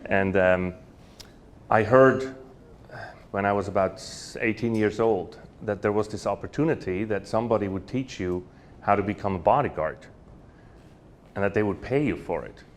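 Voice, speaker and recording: A low-voiced Swiss man in his forties, a guest speaker in a university lecture hall, tells stories at normal speed. His storytelling lecture is warm and anecdotal, full of fillers and restarts.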